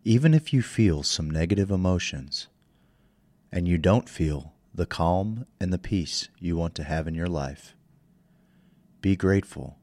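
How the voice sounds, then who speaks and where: A man leading a guided meditation in slow, soothing instructions, speaking into a close microphone. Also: low-pitched, expressive, a little mellow, dry recording.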